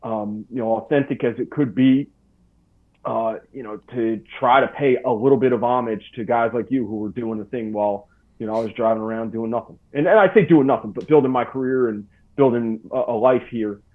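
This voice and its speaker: Through a tinny line that sounds like a phone, a medium-pitched man in his forties talks a little fast while telling a story as a podcast guest. He keeps it casual and slangy, peppered with "dude" and "bro."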